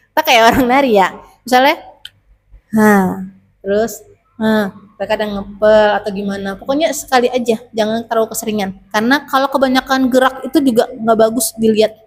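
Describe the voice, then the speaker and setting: A woman teacher, chatting to students about public speaking and asking many rhetorical questions. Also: a little high. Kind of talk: casual advice to students.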